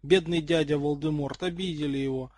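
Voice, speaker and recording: A man's voice: high-pitched, sing-song, fairly quick, no room sound, voice pushed up. A man doing a cocky mocking teen wizard. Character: cocky teenage boy wizard, mocking and bold.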